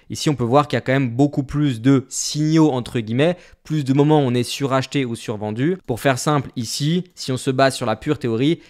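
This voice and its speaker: A man walks viewers through a charting tool in a screen-share lesson. His voice sits at an ordinary middle pitch, and he explains each step plainly and directly. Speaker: trading instructor.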